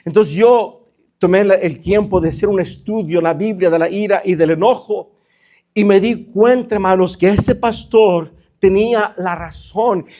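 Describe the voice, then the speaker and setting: Male pastor, high voice, fervent sermon style, keeps addressing the flock. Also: normal speed, mellow. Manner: fervent preaching, constantly addressing the congregation as brothers.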